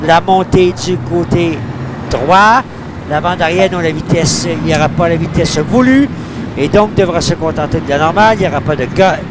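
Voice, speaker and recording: A man's voice: a little high, moderate pace. A man with a Quebec French accent giving live golf-style play-by-play of mini-putt as a sports commentator, in a noisy older TV broadcast. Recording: clearly noisy early-1990s TV broadcast.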